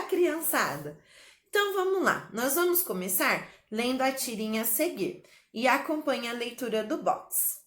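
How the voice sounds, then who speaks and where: A woman teaching a spelling lesson to young children in a slow, sing-song way, with a Brazilian Portuguese accent. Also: a little high, a bit bright. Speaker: primary school teacher. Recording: echoey room.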